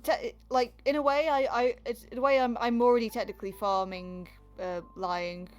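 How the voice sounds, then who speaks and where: A woman's voice: on the high side, fairly even intonation, moderate pace. A British woman chatting casually while gaming, in a rambling way with frequent stammered restarts. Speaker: gaming streamer. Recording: music behind the voice.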